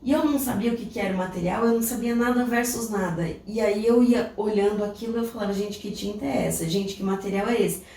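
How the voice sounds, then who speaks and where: She talks quickly with hardly any pauses, her medium-pitched voice mellow as she tells a personal story on the podcast she co-hosts. The Brazilian woman's reflective, casual telling carries a Brazilian Portuguese accent, captured by a far-off mic in an echoey space with light noise.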